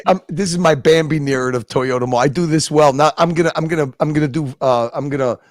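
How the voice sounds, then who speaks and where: A man's voice: on the high side, quick pace, no room sound, clean studio sound. A man hosting a live stream, rambling casually and chuckling as he reacts to old clips. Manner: chuckling, rambling, interrupts himself. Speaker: streamer host.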